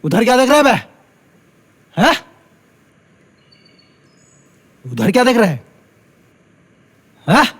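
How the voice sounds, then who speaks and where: A raspy wounded guard. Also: male voice, high-pitched, sing-song, drawn-out words, a bit bright, full character voice. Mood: menacing. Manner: menacing taunting questions during interrogation. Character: wounded male guard recounting an attack. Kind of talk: Hindi film dialogue.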